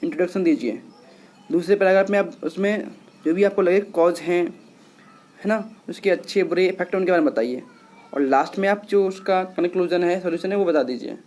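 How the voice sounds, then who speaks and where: Man, high-pitched, patient teacher, repetitive explaining. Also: a little fast, darkish tone. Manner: patient, repetitive, addresses students as children. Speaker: English teacher. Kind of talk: classroom lesson, explaining.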